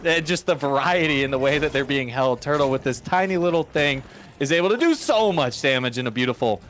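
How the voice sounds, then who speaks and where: A man's voice: medium pitch, animated, a little fast, fairly bright tone. A man doing casual, joking esports commentary in a playful, rambling way.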